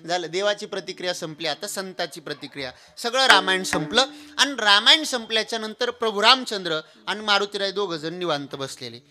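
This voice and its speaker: A young man preaching a devotional kirtan sermon, telling stories animatedly and swinging between hushed asides and loud sung lines. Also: sits high, brisk. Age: young adult.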